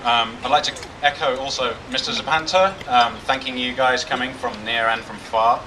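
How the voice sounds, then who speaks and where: In a crowded, noisy reception hall, a man gives a best man's wedding toast at normal speed, his mid-range voice carrying dry, self-deprecating jokes. The mic is distant, so guest chatter and crowd noise come through clearly.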